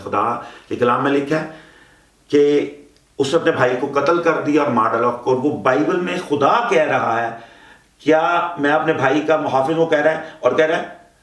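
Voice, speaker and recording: A man pastor delivers a sermon with force, repeating words for emphasis and mixing English phrases into his talk. His voice is heard from a distance in an echoing room, with a moderate pitch. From Pakistan. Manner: preaching in Urdu-Hindi mixed with English phrases. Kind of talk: sermon with Bible reading.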